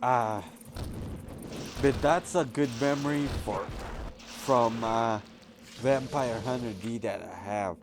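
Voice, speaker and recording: A man's voice: mid-range voice, slow pace, pauses often, background noise. A man casually telling rambling personal stories while commenting over gameplay, with lots of fillers and restarts. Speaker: gaming channel host.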